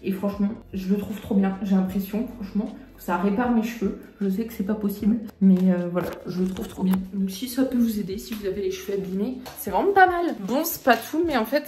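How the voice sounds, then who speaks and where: A woman's voice: mid-range voice, a little fast, few pauses, dark tone, echoey room. A young woman vlogging casually and enthusiastically in her home kitchen, chatting freely with lots of fillers. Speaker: fitness and food vlogger. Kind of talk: casual vlog chat.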